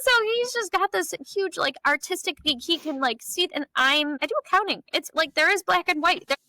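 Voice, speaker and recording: A woman's voice: very high voice, animated, a little fast, sharp tone, low-quality recording. A woman guest on a podcast, telling her story in a chatty, rambling way. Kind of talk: personal story in conversation.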